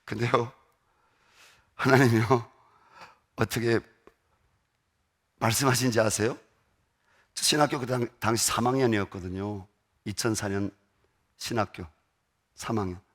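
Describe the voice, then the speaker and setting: A man in his forties preaching a sermon as a pastor, swinging from loud high outbursts to hushed near-whispers. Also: fairly even intonation, measured pace, long pauses. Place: church sanctuary.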